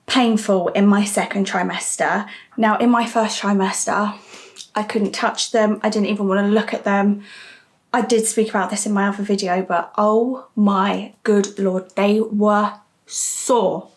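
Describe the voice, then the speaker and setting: A woman's voice: mid-range voice, fairly even intonation, moderate pace. Breathless young woman vlogging. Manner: chatty and candid, with asides. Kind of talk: casual chat to camera.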